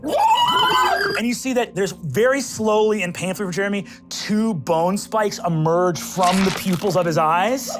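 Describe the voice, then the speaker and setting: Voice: medium pitch, moderate pace, hardly any pauses, raised voice. A game master vividly narrating gory scenes in a tabletop game.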